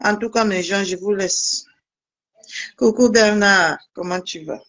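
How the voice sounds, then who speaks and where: A woman's voice: mid-range voice, a little slow, a bit bright. A woman vlogger, chatting casually and teasingly to her viewers. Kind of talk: casual live video chat.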